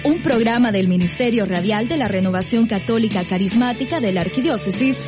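Female announcer, formal scripted intro, raised pitch, music loud behind. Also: fairly quick. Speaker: program announcer. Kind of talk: scripted radio show intro.

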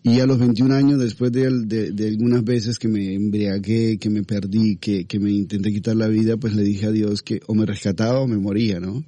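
Low, dark-voiced man. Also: flat delivery, no room sound. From Colombia. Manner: halting, many repeated words. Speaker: guest. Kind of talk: testimony interview.

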